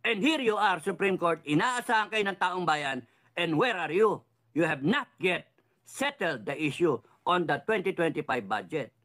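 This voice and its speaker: A man's voice: high voice, animated, unhurried, a bit bright. A middle-aged man delivering a heated, sarcastic political rant, swearing often and slipping English phrases into his talk. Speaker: political commentator.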